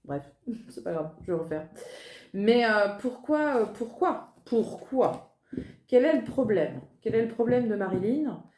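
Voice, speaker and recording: A woman's voice: medium pitch, lively intonation, normal speed, darkish tone. A woman, a medium giving a casual, chatty card reading at her desk, joking at her own expense. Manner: chatty, self-mocking, laughs at herself. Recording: roomy echo.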